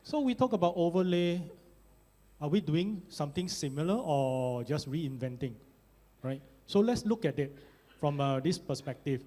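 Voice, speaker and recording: A man's voice: on the high side, expressive, moderate pace, warm tone. A man with a Singaporean accent giving an informal technical presentation at a conference, often checking in with tag questions. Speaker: conference speaker, network engineer presenter. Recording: reverberant conference hall.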